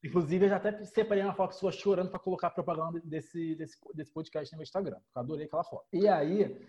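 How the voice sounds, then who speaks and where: A man's voice: a little high, fast. Man telling stories on a dull-sounding mic. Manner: animated storyteller, mimics people he quotes. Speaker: podcast co-host. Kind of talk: casual storytelling chat.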